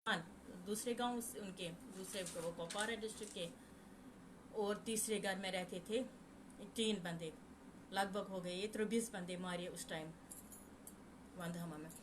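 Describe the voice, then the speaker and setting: Kashmiri-born woman guest, halting testimony with restarts, noisy live-stream sound. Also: medium pitch. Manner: repeats and restarts phrases. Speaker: guest recounting a massacre.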